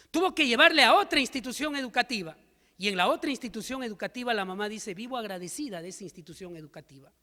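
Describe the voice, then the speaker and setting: A man's voice: extremely high pitch, bright, forceful tone. A man giving an emphatic seminar lecture to teachers, full of rhetorical questions and stories. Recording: long hall reverb.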